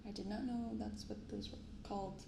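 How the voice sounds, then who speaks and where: A card-opening ASMR channel host talks in a medium-pitched voice with fairly even intonation, staying soft, gentle and unhurried through her casual commentary. She's recorded on a binaural microphone with roomy echo and clear background noise.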